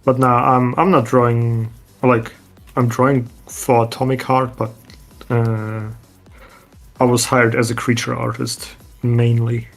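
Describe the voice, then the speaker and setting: A man's voice: mid-range voice, flat delivery, unhurried, vocal fry, soft background music. A male creature artist chatting casually on a stream, with dry, offhand teasing. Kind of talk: casual chat on a live stream.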